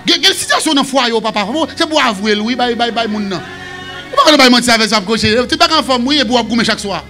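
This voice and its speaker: A man with a Haitian accent preaching a sermon as pastor, shouting and singing some phrases. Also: very high voice, lively intonation, fast, music in the background. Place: church.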